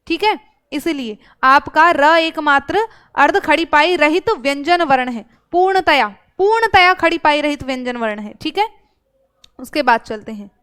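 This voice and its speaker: A woman's voice: extremely high pitch, pushed and bright. A woman teacher explaining grammar step by step, asking questions and answering them herself. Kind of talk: exam-prep grammar lesson.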